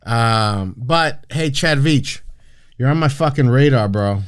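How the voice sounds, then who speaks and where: A man's voice: medium pitch, lively intonation, takes it slowly, smooth. Brash, swearing podcast host man. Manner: brash, profane, rambling with frequent restarts. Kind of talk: casual podcast chat.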